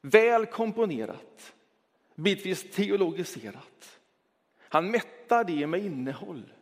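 A man preaching a Sunday sermon in a church, reflective, switching between quick talk and slow, stressed words. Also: sits high, animated. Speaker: pastor. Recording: long church reverb.

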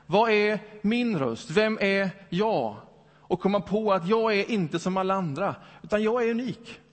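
A man's voice: sits high, expressive. A man preaching a Sunday sermon in a conversational way, full of rhetorical questions. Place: church hall. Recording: long hall reverb.

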